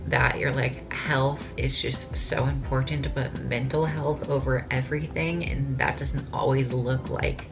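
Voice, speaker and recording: A woman's voice: extremely low pitch, vocal fry. A woman in her late twenties, a bikini competitor, chatting casually and ramblingly to camera with lots of filler words. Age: 20s.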